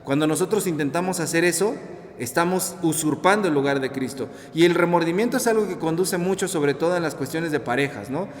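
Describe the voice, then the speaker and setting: A man with a Mexican Spanish accent preaching a sermon reflection, lively and colloquial, acting out the voices he quotes. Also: fairly high pitch, fairly quick. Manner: animated, acts out quoted voices, colloquial asides. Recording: echoey hall with long reverb.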